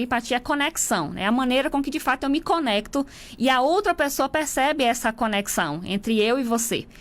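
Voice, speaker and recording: Woman instructor, Bahian accent, brisk didactic delivery, slightly high voice. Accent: Bahian Brazilian Portuguese. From Brazil. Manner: didactic, explains step by step. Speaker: instructor at a transport workers' training center. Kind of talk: explanatory interview answers.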